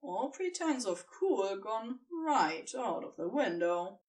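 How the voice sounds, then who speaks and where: Reading fan fiction from a script, a woman moves slowly through the story with a fairly high voice full of lively pitch changes. The microphone sits at a distance, so she sounds a little way off.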